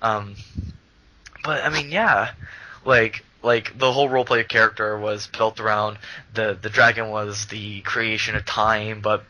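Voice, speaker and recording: Young male podcast co-host, low-ish voice, very bright tone, loose rambling delivery. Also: fairly even intonation, a little slow, poor audio. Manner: rambling, many fillers and restarts. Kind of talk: casual chat.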